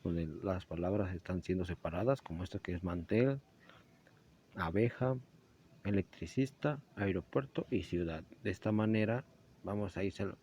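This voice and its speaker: A man's voice: low voice, moderate pace, a little mellow, slight background noise. A young man giving a class presentation, explaining step by step with small slips and self-corrections. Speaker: student presenter. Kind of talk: school presentation narration. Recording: dull lo-fi recording.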